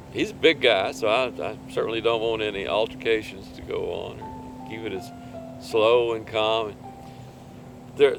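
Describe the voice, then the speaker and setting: An older man who cave dives recounts a rescue story in an interview, speaking in a fairly low voice. He's relaxed and rambling, chuckling between points.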